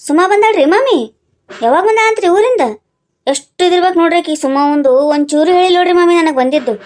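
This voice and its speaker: A woman's voice: high-pitched, racing, darkish tone, natural voice. A woman voicing a chatty young niece in a cartoon who complains about a friend, speaking.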